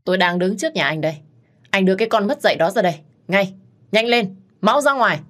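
A woman voicing a spiteful, scheming middle-aged mother-in-law who shouts insults. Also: low-pitched, normal speed, slightly rough. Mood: furious.

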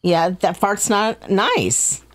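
A woman's voice: mid-range voice, very slow. A woman co-hosting a casual game playthrough, teasing her partner with dry sarcasm. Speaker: co-host. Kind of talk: casual let's-play banter.

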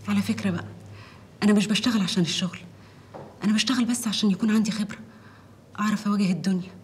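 A woman's voice: medium pitch, steady tone, racing, a little hiss or hum, close to an everyday voice. A young actress with an Egyptian accent playing an eager working woman who talks earnestly about living her own life in a TV drama. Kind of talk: TV drama dialogue.

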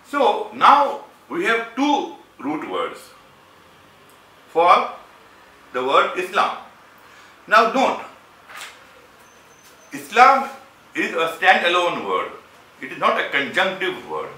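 Slow, bright-voiced man explaining point by point. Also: high voice, wildly swooping pitch, far from the mic. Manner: measured, explanatory, stresses key words. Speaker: video essayist reviewing a debate. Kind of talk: scripted analytical commentary. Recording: roomy sound from away from the mic.

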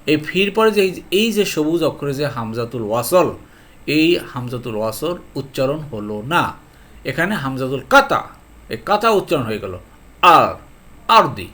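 A man teaching Arabic grammar for reading the Quran. He teaches lively, stresses his words, keeps asking whether it is clear, and slows down to read verses out. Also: fairly high pitch. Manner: speaks slowly when reading out verses. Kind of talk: lesson on a video channel.

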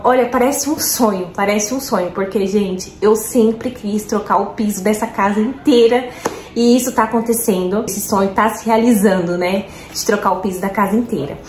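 Brazilian woman, home vlogger, eager and talkative, echoey room. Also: medium pitch. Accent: Brazilian Portuguese. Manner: chatty and excited, many fillers, addresses viewers as "gente". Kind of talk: casual chat. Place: at home, roomy indoor space. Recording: echoey room, faint background noise.

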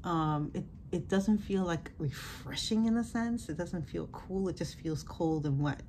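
Woman, middle-aged vlogger, chatty and unhurried, talking through a sheet mask; mellow, slightly low voice. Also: slight background noise. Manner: chatty, thinking aloud. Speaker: beauty vlogger. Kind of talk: casual product review.

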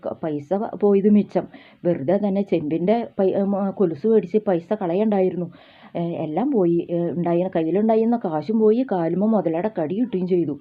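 A woman's voice: lowish voice, fairly quick, lightly acted. A woman voicing a greedy, scheming washerman in a told folk tale, whining and grasping. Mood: regretful. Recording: tinny phone-like sound.

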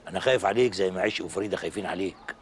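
A man's voice: sits low, racing, a little hiss or hum, close to an everyday voice. An actor playing a worried Egyptian father who coaxes and reassures his son. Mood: coaxing. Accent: Egyptian Arabic. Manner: coaxing, reassuring.

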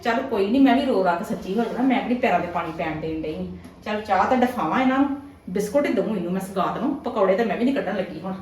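A woman's voice: very high-pitched, brisk, a bit bright, a little hiss or hum. A woman playing a scheming, aggrieved middle-aged mother in a family skit, complaining and lamenting dramatically like a Punjabi aunty, with a Punjabi accent. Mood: muttering, worried. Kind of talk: amateur family skit acting. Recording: very echoey room, distant microphone.

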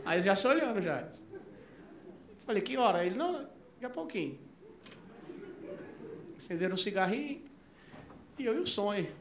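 A man doing stand-up, telling a long story and acting out both sides of the dialogue, his voice jumping up into near-shouts at the punchlines. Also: high voice, very animated, normal speed, long pauses. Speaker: stand-up comedian. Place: comedy club stage before a live audience. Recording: echoey club with crowd noise and laughter.

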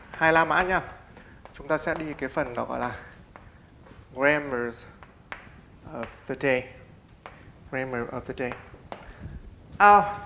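A man's voice: a little high, sharp tone, slight background noise. Man teaching English, fond of rhetorical questions. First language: Vietnamese. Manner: asks rhetorical questions and answers them himself; drills pronunciation with repetition. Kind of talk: classroom-style English lesson.

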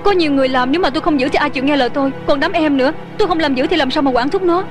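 A voice actress dubbing a fierce, proud young woman who runs a tea shop, sharp-tongued and tearful, over a music score. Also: sits high, racing, lightly acted. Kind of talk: Vietnamese dub of a Hong Kong TV drama.

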